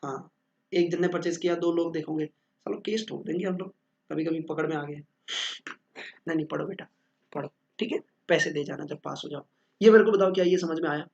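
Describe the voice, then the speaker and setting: A man's voice: a little high, steady tone, a little fast, gravelly, pauses often, darkish tone, highs cut off. A man teaching accounting in a joking, bantering lecture, answering his own questions.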